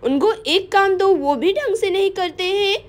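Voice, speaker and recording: A woman's voice: extremely high pitch, unhurried. A woman voicing a busy young housewife who chats to herself and scolds her husband in a doll story. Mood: scolding. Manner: chatty, scolding, talking to herself.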